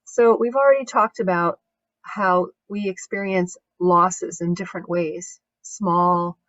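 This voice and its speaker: A woman coach leading an online grief course, calmly guiding breathing and reading passages aloud over a video call. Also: lowish voice, takes it slowly, no room sound, dull audio.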